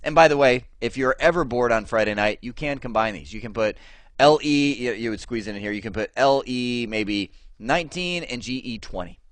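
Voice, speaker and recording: Lively, chatty male networking instructor. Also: mid-range voice, moderate pace, no echo. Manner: lively, chatty, asks the viewer questions. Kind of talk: lecture over slides.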